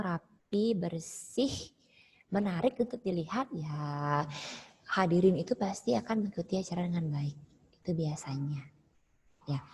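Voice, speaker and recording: A woman's voice: fairly low pitch, darkish tone, in a large hall, slight background noise. A woman teacher, explaining a lesson step by step during an online class and checking in with "ya" again and again. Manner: explains step by step, asks "ya" often.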